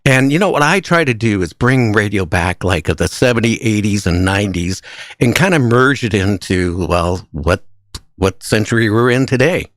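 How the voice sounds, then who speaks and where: Jokey, excitable male radio host. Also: lowish voice, moderate pace, dry recording, clean studio sound. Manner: excitable, jokey, laughs easily. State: out of breath. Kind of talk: casual interview.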